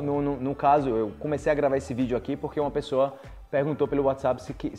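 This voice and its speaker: A young language teacher with a Brazilian Portuguese accent delivers a casual advice video monologue, speaking directly and persuasively and repeating words for emphasis. His voice is medium-pitched and mellow.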